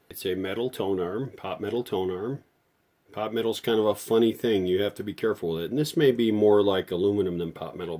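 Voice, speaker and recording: A radio repairer with a lowish, warm voice chats his way through a hands-on restoration, improvising folksy, meandering explanations as he works on camera.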